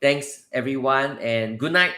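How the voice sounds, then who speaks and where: A man's voice: medium pitch, unhurried, pushed and bright. A man with a Singaporean accent hosting a casual live advice stream, conversational and repetitive, speaking straight to his viewers. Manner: repetitive, conversational, often addresses listeners directly. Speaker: live session host and property adviser. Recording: roomy, echoing sound.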